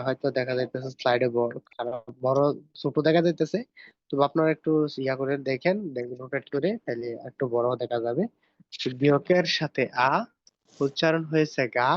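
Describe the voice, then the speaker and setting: A man's voice: medium pitch, dry recording, dull audio. A man teaching a language lesson, patiently drilling pronunciation over slides. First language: Bengali.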